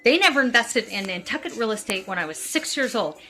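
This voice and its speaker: A woman's voice: a little high, animated, fairly quick, bright, forceful tone, faint music behind. A woman rambling through a comedic tutorial, acting out mock-dramatic examples. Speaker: comic character giving a tutorial. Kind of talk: improvised comedic monologue.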